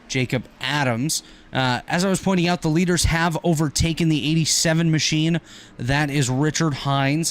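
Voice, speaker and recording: An energetic male play-by-play commentator with a medium-pitched voice calls a sim race. He talks rapidly, with quick self-corrections along the way.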